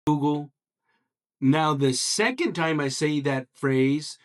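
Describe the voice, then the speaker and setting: A man with a somewhat high voice casually telling a joke, speaking to a voice assistant. He repeats his commands and enunciates carefully as he narrates the story. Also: slow pace.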